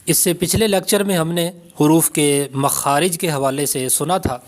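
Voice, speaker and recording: A man teaching a recorded Quran reading lesson, with a Pakistani Urdu accent, slowly and carefully pronouncing each letter. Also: fairly high pitch. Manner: slow, careful letter-by-letter pronunciation drills.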